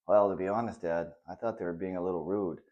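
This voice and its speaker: A man reading the part of a sad, honest ten-year-old boy in a children's story, speaking gently and hesitantly. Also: deep voice, fairly even intonation, fast, lo-fi sound, close to an everyday voice.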